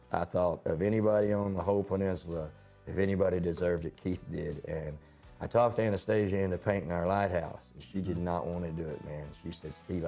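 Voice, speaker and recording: A man's voice: sits low, dark tone. A man, a store owner telling rambling, folksy anecdotes in a casual interview.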